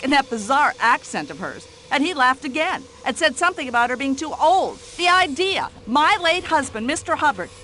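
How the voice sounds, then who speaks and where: An actress playing a pushy, talkative middle-aged American widow who complains indignantly, with an American accent. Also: female voice, high voice, sharp tone, a little hiss or hum, heavily acted, poor audio. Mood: gossipy. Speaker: witness in a radio-style drama.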